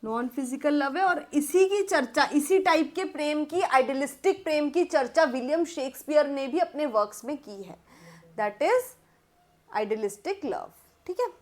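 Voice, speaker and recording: A woman teacher with an Indian accent giving a vocabulary lesson, mixing Hindi and English, addressing students as "beta" and dictating definitions slowly while she writes. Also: high voice.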